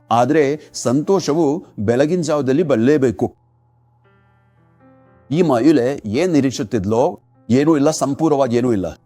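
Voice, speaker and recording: A man's voice: medium pitch, warm tone. A man delivering a dubbed sermon voice-over in an earnest preaching manner. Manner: earnest preaching, repeated commands.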